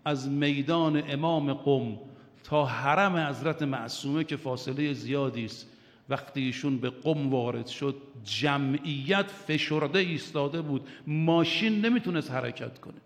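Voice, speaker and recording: A man's voice: a little high, big-room sound. An older man preaching an impassioned religious sermon, with rising and falling emphasis and recited quotations.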